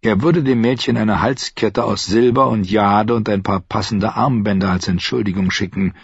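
A male audiobook narrator with a low, husky voice, reading in a measured, even way. The recording is dry and slightly dull, with no room sound. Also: no room sound. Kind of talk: scripted narration.

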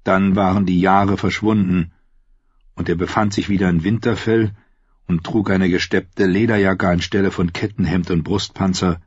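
Man, audiobook narration, steady measured pace, husky, slightly dull lo-fi recording. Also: low voice, no echo.

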